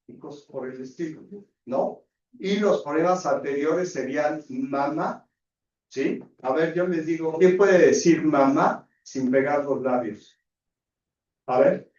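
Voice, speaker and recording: A man's voice: a little high, darkish tone. A man with a Mexican Spanish accent, a surgeon giving a university anatomy lecture, constantly checking in with rhetorical questions. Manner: peppers talk with rhetorical questions, tag checks. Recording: echoey distant dull lecture hall audio.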